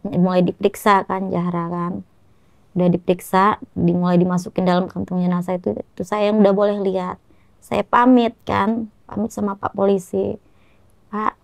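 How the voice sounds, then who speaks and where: A woman's voice: mid-range voice, gravelly, darkish tone, no echo. A woman telling her story in an interview, speaking in short clipped phrases and often quoting what others said. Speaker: guest, mother of the victim. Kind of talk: emotional recounting in an interview.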